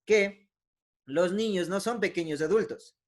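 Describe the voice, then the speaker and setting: A man speaks a little slowly in a high voice while giving a conversational teaching talk on emotions. Many of his phrases end in a questioning "¿no?", and his delivery includes frequent "eh" fillers and self-corrections.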